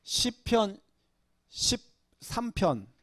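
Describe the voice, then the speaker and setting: Man preaching with lively, pleading voice. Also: high voice, drawn-out words, no echo. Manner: emotional, pleading, rising to loud cries. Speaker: pastor. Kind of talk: sermon.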